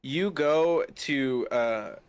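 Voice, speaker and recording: A man's voice: medium pitch, smooth. A man running a tabletop game as game master, describing the action with frequent laughs, fillers and swearing. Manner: laughs often, loose and profane, halting narration with fillers.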